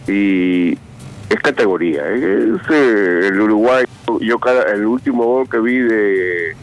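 A man's voice: on the low side, lively intonation, measured pace, rough recording. A man born in Puerto Rico calling in to a radio show, chatty and joking with the host. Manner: chatty, jokes and speaks to the host familiarly. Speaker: radio caller. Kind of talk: call-in opinion.

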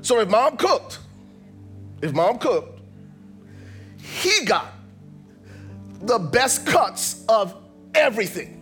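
Pastor guy preaching, a bit high voice, keeps repeating himself for punch, soft music under it. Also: very animated, slow pace, long pauses. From Liberia. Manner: emphatic, repeats phrases, builds in rhythmic pairs. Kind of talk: sermon.

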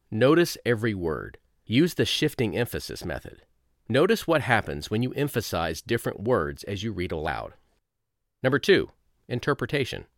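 A man with a low voice reads lecture notes aloud for a study course. His delivery is lively and rises on every numbered point. The sound is dry and close, with no room around it. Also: no room sound. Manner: measured, reads numbered lists with rising emphasis.

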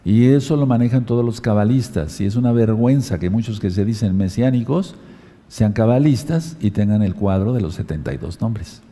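Man, preacher, sermon, deep-ish voice, spells words out slowly, long hall reverb. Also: dark tone. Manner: dictates letters and verses slowly to listeners.

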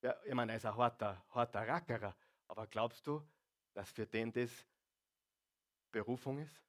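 A man preaching a sermon to a congregation, throwing out rhetorical questions and jokes, swinging between loud and quiet. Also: mid-range voice, normal speed. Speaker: pastor.

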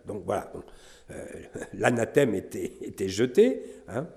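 A middle-aged man from France giving a measured academic lecture, pausing often with fillers. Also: fairly low pitch, sing-song, dark tone. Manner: measured, many hesitations with euh and hein. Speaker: historian lecturer.

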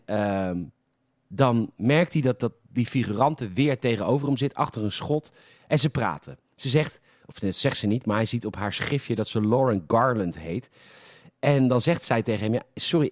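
A man's voice: mid-range voice, normal speed, no room sound, clean studio sound. A Dutch man co-hosting a podcast, casually retelling film scenes in detail and acting out the characters' quoted lines. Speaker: podcast co-host.

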